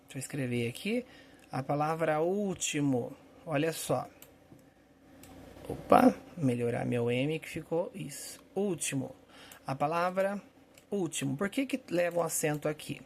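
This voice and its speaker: A man's voice: fairly high pitch, normal speed, a little hiss or hum. A man teaching a Portuguese grammar lesson for exam prep, explaining step by step and checking in with his students.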